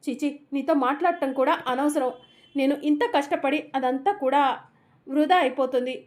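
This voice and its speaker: A woman's voice: high-pitched, normal speed, a little mellow, close to an everyday voice. A woman reading a scolding young woman. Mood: exasperated. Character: young woman, frustrated and sharp.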